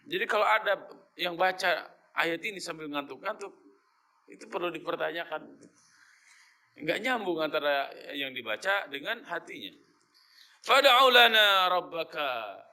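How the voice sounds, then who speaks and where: A man with a fairly high, bright voice gives a Quran study lecture. He breaks down each Arabic phrase and explains it in a lively, teasing way. He slips easily into casual slang along the way. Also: normal speed, creaky, long pauses. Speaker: Quran teacher.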